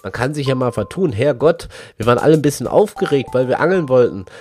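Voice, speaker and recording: A young man tells a lively anecdote about a fishing trip, acting out the dialogue, with music behind him. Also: medium pitch, fast talker. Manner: lively, animated anecdote telling with quoted dialogue. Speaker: fishing content creator. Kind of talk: casual storytelling.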